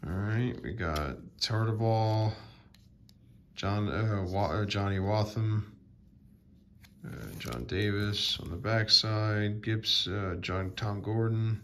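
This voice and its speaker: A man casually sorting through sports cards on video, slowly reading out player names with many fillers. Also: lowish voice, fairly bright tone, a little hiss or hum. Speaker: sports card vlogger. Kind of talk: casual card sorting commentary.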